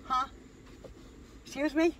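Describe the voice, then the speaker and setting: Loud swearing mother scolding in a car. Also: high-pitched, steady tone, slow pace, a little hiss or hum. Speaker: prankster's mother. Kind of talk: heated profane scolding in a car. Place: inside a parked car.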